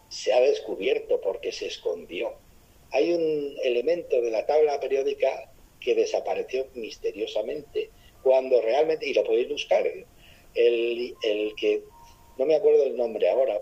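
A man from gives a spiritual talk and keeps putting rhetorical questions to his listeners. His voice is husky, mellow and soft. The recording sounds dull and lo-fi. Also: medium pitch. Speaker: spiritual speaker.

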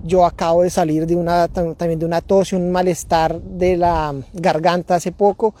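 A man's voice: high voice, level tone, moderate pace, mellow. A man speaking outdoors in a neighborhood, hosting a parenting talk in a casual, reflective way, often repeating and restarting his words. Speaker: parenting podcast host.

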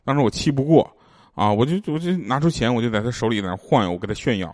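Rapid-fire and animated, a man with a mid-range, slightly mellow voice and a Northeastern Chinese accent hosts a podcast. He shares comedic, casual stories in a jokey way, laughing often as he speaks, in clean studio-quality sound without echo.

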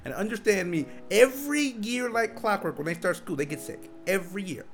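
Animated, high-voiced American man with creaky edge. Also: fairly quick, faint music behind. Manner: slangy, animated storytelling. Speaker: podcast co-host. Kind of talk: casual chat.

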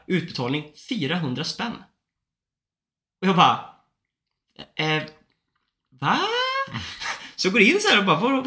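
A man's voice: high-pitched, bright, forceful tone. A young man chatting casually, telling a story with lots of swearing and acted-out phone calls. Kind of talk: casual chat. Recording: roomy echo.

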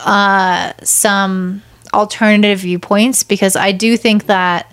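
A woman's voice: mid-range voice, little pitch movement, slow pace, a bit bright, smooth. A woman co-hosting a podcast, talking thoughtfully and hedging with "like" and "I feel like". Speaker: podcast co-host. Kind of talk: casual podcast chat.

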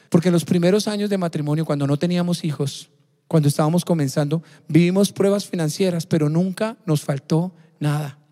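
A man's voice: fairly high pitch, mellow. A man preaching a sermon as a pastor, emphatic and fond of repeating key phrases. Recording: long hall reverb.

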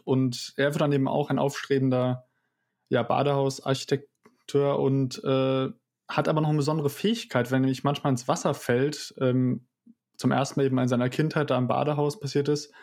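A young man co-hosting a podcast, giving a casual summary in a loose, halting way. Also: medium pitch, a little mellow. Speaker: podcast co-host.

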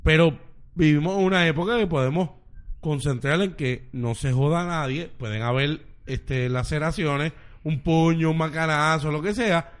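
A man's voice: fairly high pitch, moderate pace. A Puerto Rican man in a casual group chat, speaking with passion, cursing freely and repeating his points for emphasis.

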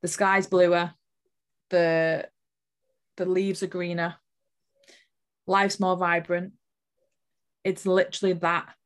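A woman's voice: on the low side, flat delivery, slow pace, pauses often. A woman earnestly telling a personal spiritual story as an interview guest, emotional and full of fillers.

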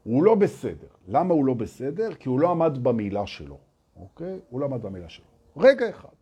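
A man's voice: mid-range voice, very animated, warm tone, breathy edge. A man giving a motivational spiritual talk to an audience, speaking emphatically, repeating key phrases and firing rhetorical questions at his listeners. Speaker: spiritual teacher addressing an audience.

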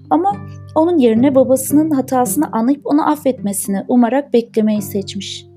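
A woman reads a fairy tale aloud in a slow, deliberate narrating voice. Her tone is mellow and somewhat high, with faint guitar music under her. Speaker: storyteller. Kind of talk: storybook narration.

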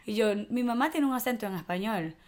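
A woman chats casually as a podcast co-host. She is animated and slips into little performed voices when she retells a story. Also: a little high, quick pace. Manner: animated, acts out quoted voices. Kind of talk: casual chat.

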